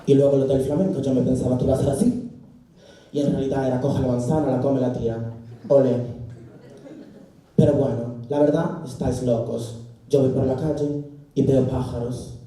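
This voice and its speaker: A man's voice: mid-range voice, steady tone, normal speed, long pauses, warm tone, lightly acted. A man playing a male Siberian birdwatcher in a stand-up act, delivering dry punchlines on a theater stage. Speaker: stand-up comedian. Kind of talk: character stand-up monologue. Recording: echoey hall mic from far off.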